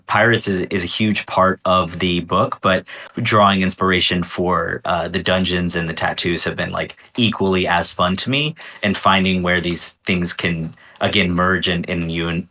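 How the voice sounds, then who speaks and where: A game designer chatting enthusiastically in a casual livestream Q&A, rambling and laughing often. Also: male voice, sits low, pushed and bright.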